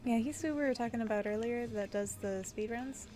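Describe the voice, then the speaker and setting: A woman co-hosting a gaming livestream, chatting casually and warmly welcoming viewers. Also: a little high, a little fast, noisy background. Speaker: streamer co-host.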